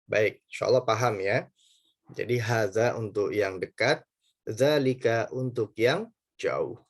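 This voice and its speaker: A man's voice: lowish voice, slightly rough. A man teaching a recorded Arabic lesson, patient and repetitive, saying "ya" often and stretching out the Arabic words to model them. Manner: slow, patient, repeats words and says "ya" often.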